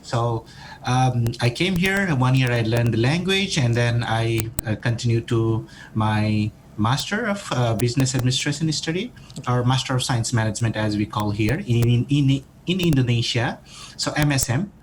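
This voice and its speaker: A man's voice: mid-range voice, moderate pace, slight background noise, poor audio. A man from Nepal, a doctoral student, answering podcast interview questions in a hesitant way with many fillers and restarts.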